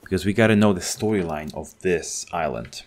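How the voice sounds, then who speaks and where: A man giving casual let's-play commentary, excitable and chatty as he thinks out loud while playing. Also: low voice, moderate pace. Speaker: gaming channel host.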